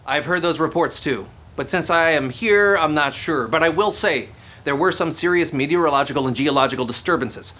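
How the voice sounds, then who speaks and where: An actor playing a flustered, sincere male news reporter on the scene, talking haltingly and conversationally in a comedy sketch. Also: a little high, bright, forceful tone. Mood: earnest.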